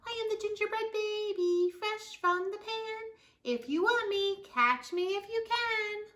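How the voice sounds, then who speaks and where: Storybook gingerbread baby played by a woman: tiny boastful boy, high, piercing, gleefully singsong taunts. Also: unhurried, a bit bright. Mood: gleeful taunting.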